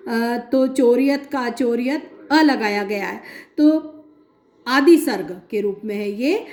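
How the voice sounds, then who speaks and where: A woman lecturing on linguistics in a methodical way, explaining with many examples and pausing often. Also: fairly high pitch, a little mellow, echoey room. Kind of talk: recorded academic lecture.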